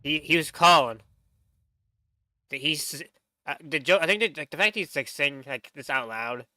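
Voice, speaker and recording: A man's voice: a little high, moderate pace, bright, forceful tone, dry recording. Rambling young man streaming a game. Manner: rambling, stammering, swearing. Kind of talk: casual gameplay commentary.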